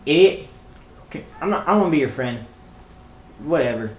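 Young man, joking game commentary, playful, lively pitch swings. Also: a little fast, reverberant, low-quality recording. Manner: goofy, playful, bursts of shouting. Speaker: gamer.

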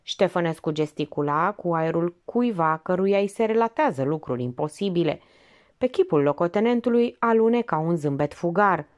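Audiobook narrator, woman, lower register, animated intonation. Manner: expressive, lively reading.

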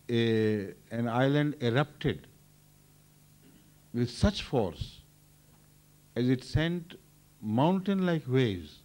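An older man, a religious leader, giving a measured, thoughtful explanation at a microphone during a question session. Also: mid-range voice, warm tone. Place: large indoor hall. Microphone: standing microphone.

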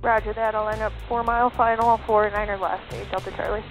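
A woman's voice: mid-range voice, little pitch movement, fairly quick, faint music behind, low-quality recording. Young woman pilot over aviation radio. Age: 20s. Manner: composed but nervous, with small laughs. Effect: heard over aviation radio. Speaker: student pilot. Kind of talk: clipped radio calls.

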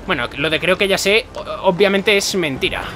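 A young man with a Spain Spanish accent gives live gameplay commentary, swearing and chanting urgent repeated commands with loud outbursts. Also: sits high, expressive, moderate pace, background noise. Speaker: gaming streamer. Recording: loud game music behind.

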